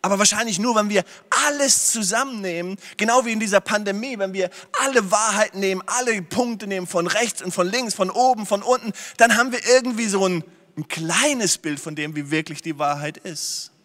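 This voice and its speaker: A man preaching a sermon as a pastor, emphatic and repetitive, swinging from loud to hushed. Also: high voice, a little fast. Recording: long reverb of a large hall.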